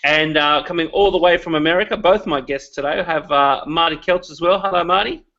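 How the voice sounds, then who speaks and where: A man with a fairly high voice hosts a live interview in a casual style. He feels his way through questions, rephrasing as he goes, and the audio is slightly dull. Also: a little fast, sharp tone. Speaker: host.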